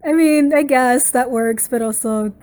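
A woman's voice: sits high, a little slow, a little mellow. A woman, a social media manager, answering an interview in a chatty, casual way.

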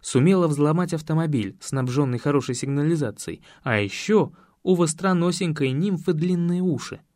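Мужчина читает детективную аудиокнигу от первого лица, размеренно и сухо. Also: male voice, a little high, lively intonation, normal speed, a little mellow, dry recording, studio quality. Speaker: audiobook narrator. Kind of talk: scripted first-person narration.

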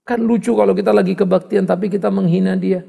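A male pastor preaching a sermon in an animated way, with mocking asides and rising exclamations. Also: high voice, quick pace, gravelly, breathy edge. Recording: long hall reverb.

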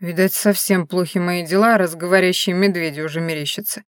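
A woman narrating a first-person story in a wry, expressive way. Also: lowish voice, brisk, no echo, clean studio sound. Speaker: audiobook narrator.

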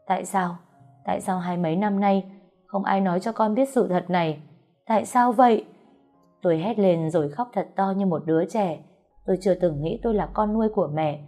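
Low, mellow woman narrating a story. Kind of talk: first-person story narration. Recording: soft music behind the voice.

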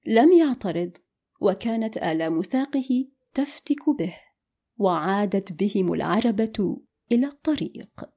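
A woman narrating a novel for an audiobook at a steady, unhurried pace. Her voice is dark and mellow, with a slightly husky edge. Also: mid-range voice.

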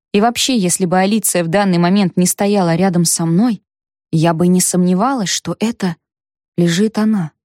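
A woman's voice: on the low side, dark tone, no echo. Dry, close female audiobook narrator. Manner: measured storytelling, first person. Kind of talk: scripted narration of a detective novel.

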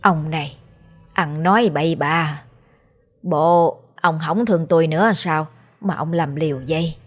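A woman's voice: deep voice, a little slow, soft background music. A woman voicing a fretting old wife. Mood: worried. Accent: Southern Vietnamese. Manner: worried, pleading, soft.

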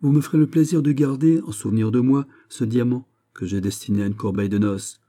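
A man's voice: medium pitch, a little fast, mellow, voice pushed up, lightly acted. A man reading aloud, voicing a stern middle-aged king with a commanding, raised voice.

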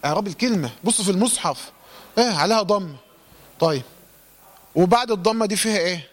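A man with an Egyptian Arabic accent gives a tajweed lesson on the rules of Quran recitation, asking questions and answering them himself. His voice sits high and is expressive, and he speaks at a quick pace.

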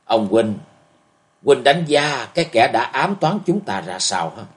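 A man voicing a calm, resolute young swordsman, speaking firmly and reassuringly. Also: mid-range voice, unhurried. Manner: calm, firm, gently reassuring.

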